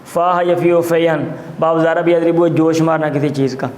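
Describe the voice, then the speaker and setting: A male teacher gives a classroom lecture. He explains vocabulary term by term, repeating each word slowly. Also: fairly high pitch, steady tone, darkish tone, echoey room. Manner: explains words slowly, repeating terms, mixes in Punjabi asides.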